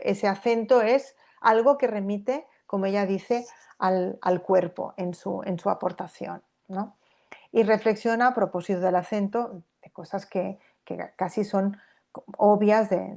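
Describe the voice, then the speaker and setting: A woman's voice: mid-range voice, creaky, mellow. A woman scholar giving an academic lecture, thinking aloud with fillers and restarts and often checking in with the audience. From Spain. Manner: thoughtful, with many fillers and restarts, asking "¿no?". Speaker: literature scholar giving a talk.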